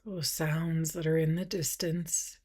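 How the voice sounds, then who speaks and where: Speaking in a low voice with a level tone, a woman meditation teacher guides a practice. Her delivery is gentle and soft, with relaxed pauses and occasional breathiness.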